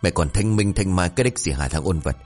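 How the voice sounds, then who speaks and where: A man voicing a vain, hot-tempered, toothless old sorcerer with a shrill voice, cursing and scolding in rapid outbursts. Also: lively intonation, a little mellow, faint music behind. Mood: angry scolding. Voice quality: shrill lisping voice from missing front teeth.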